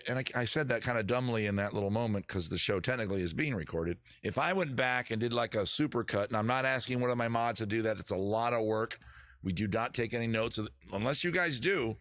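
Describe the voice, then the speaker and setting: A man hosts a live music and chat show from his backyard at home, rambling casually and self-deprecatingly to livestream viewers, swearing freely and improvising some singing. His voice is medium-pitched and fairly bright, with lively intonation and a slightly fast pace. The recording is dry and of studio quality.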